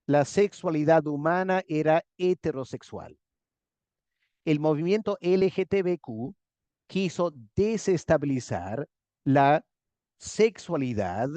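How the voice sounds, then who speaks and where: A pastor giving a structured theology lecture, a man who talks in measured steps, repeats key words and checks in with his listeners. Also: fairly high pitch, mellow, no echo. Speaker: pastor lecturing a master class.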